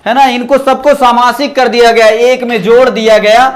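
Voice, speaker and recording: A man's voice: very high-pitched, little pitch movement, moderate pace. A man teaching a grammar class online, repeating each point and checking in with his students often. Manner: repetitive, checks in with "ठीक ना" after points. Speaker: Sanskrit teacher.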